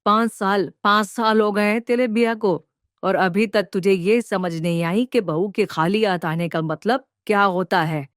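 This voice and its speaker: A woman's voice: mid-range voice, measured pace, dry recording, clean studio sound, lightly acted. A woman voicing a greedy, scheming middle-aged mother-in-law in a cartoon, bossy and nagging. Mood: scolding. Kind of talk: cartoon voice acting.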